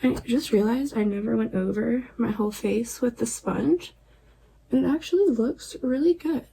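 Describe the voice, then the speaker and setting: Woman, makeup vlogger, relaxed chatty tone, near-whispered asides, gravelly, mellow low tone. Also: normal speed, slight background noise, poor audio. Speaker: beauty vlogger. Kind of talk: casual makeup tutorial chat. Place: at home at night.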